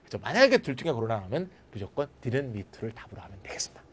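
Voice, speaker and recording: At a fast clip and medium pitch, another middle-aged lecturer records a grammar lesson, checking in with students and frequently asking them to confirm. He's lively, moves between formal and casual speech, and acts out brief everyday lines, with slight background noise audible.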